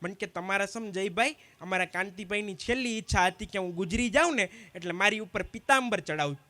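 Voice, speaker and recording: Man, stand-up comedian, very high voice, dry sound, acts out both sides of each dialogue. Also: pushed and bright, no echo. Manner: quick anecdotal storytelling, acting out both sides of each exchange. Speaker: stand-up comedian at a community gathering. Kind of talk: live stand-up joke telling.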